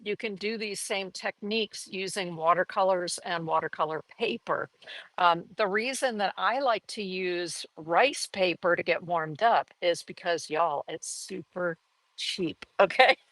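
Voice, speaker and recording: A woman's voice: on the low side, measured pace, a bit bright, no room sound, poor audio. A middle-aged woman teaching a live painting lesson in a chatty, folksy way, laughing often as she talks. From grew up in Taiwan and Korea. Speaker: art teacher.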